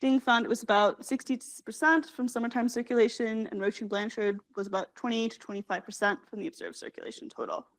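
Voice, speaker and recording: A young woman, a graduate student, presenting her research at a scientific conference, talking quickly with many fillers and self-corrections. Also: fairly high pitch. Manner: fast, hurried delivery with frequent fillers and self-corrections.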